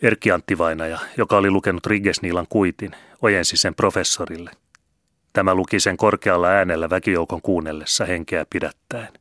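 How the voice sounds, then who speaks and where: A man calmly reading a novel aloud as an audiobook narrator. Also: deep voice, dry recording, clean studio sound. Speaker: audiobook reader. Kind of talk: scripted narration.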